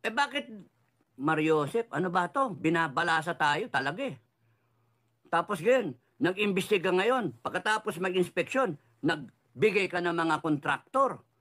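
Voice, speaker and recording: A fired-up middle-aged man rants about politics in a high, lively voice that leaps up and down. He is sarcastic and swears freely, dropping English phrases into his talk. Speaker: political commentator. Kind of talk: heated political rant.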